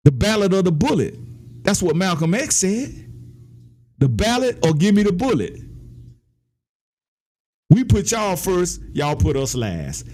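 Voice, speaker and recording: A man's voice: sing-song, unhurried, long pauses, a little mellow. A man giving heated, emphatic political commentary, his voice climbing as he argues. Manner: impassioned, emphatic, rises in pitch when ranting.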